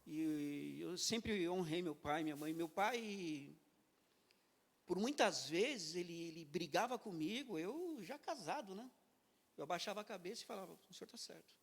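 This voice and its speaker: A man in his fifties from Brazil, a guest pastor telling his personal testimony in an interview with vivid, emotional storytelling. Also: high voice. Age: 50s.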